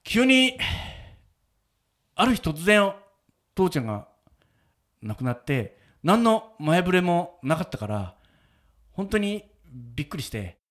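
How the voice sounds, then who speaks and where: A man's voice: sits high, big pitch swings, slow pace, long pauses, a bit bright. A man hosting a casual radio chat, telling a moving story and often breaking into laughter. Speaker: radio show host and wedding photographer.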